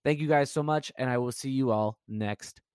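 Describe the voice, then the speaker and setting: A man's voice: medium pitch, normal speed. A man hosting a podcast, wrapping up the episode in an upbeat, thankful, casual way. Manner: upbeat, thankful, plugging the show. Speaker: podcast host.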